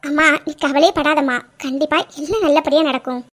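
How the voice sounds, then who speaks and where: A woman doing a bright, hopeful young woman. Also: high-pitched, steady tone, fairly quick.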